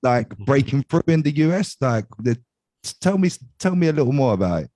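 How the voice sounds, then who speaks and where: A man's voice: mid-range voice, big pitch swings, fairly quick, mellow, dry recording. A man co-hosting a casual interview podcast, talking with enthusiasm, hyping his guest and swearing freely. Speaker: podcast co-host and DJ. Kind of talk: casual chat.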